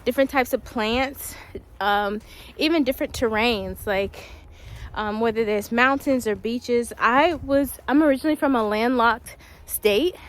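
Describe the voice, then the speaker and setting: A young woman talking casually while walking a quiet wooded trail in winter, a little out of breath, with many ums. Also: on the high side, measured pace. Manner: chatty, laughs often, many ums. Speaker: vlogger.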